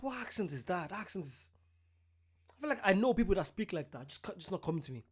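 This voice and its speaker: A woman gives casual reaction commentary and puzzles aloud over what she is watching. Her voice is fairly low but swings widely in pitch. She speaks in quick, off-the-cuff remarks. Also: very animated, slightly rough. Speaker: reaction video host.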